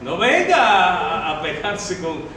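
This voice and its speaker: Male pastor, Central American Spanish accent, very high voice, fervent exhorting sermon, heard from afar in a very echoey hall. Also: very animated, takes it slowly, recorded from a distance. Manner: exhorting, rising to shouts. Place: church hall. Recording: very echoey hall, mic from afar, faint rumble.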